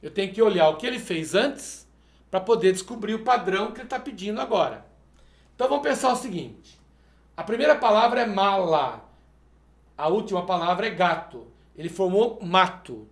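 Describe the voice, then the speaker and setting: A man's voice: sits high, lively intonation, normal speed, roomy sound. A male math teacher solving exercises step by step in a video lesson, checking in with the viewer as he goes. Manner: methodical, explains step by step, asks "perfeito?".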